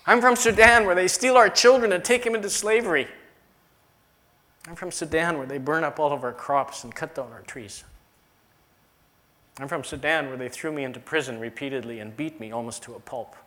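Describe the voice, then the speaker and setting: A man's voice: on the high side, moderate pace, pushed and bright. A middle-aged man, a pastor from the United States, preaching a sermon and telling stories with emphatic repetition.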